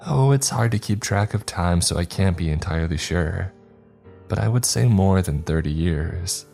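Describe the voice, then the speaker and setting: A man voicing a weary older woman who has survived on an island for decades, speaking gently but bluntly. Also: deep voice, animated, normal speed, vocal fry, soft background music. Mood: musing.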